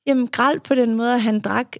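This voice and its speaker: A woman's voice: fairly high pitch, fairly even intonation, no room sound, clean studio sound. A young woman, a podcast guest and youth therapist, telling her story candidly and reflectively, with many fillers. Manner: frank, reflective, with frequent fillers. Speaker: guest, adult child of an alcoholic.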